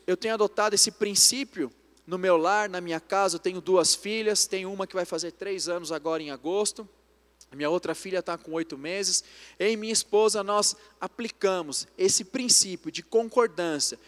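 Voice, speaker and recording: In a church with long reverb, a young man with a high, fairly bright voice preaches a sermon in Brazilian Portuguese. He tells family stories in a storytelling manner, calling the congregation brothers.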